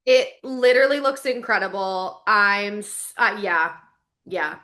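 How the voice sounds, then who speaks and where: A woman's voice: mid-range voice, animated, unhurried, bright, forceful tone. A woman co-hosting a casual podcast, bubbly and enthusiastic with slangy phrasing. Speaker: podcast co-host. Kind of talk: casual chat.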